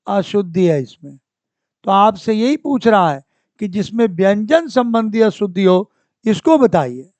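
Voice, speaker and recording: A man teaching a spelling lesson for exam preparation. He talks slowly and goes over each word several times, correcting it, and he clears his throat often. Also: sits high, darkish tone, no echo. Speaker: Hindi grammar teacher. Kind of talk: exam-prep lesson, working through spelling questions.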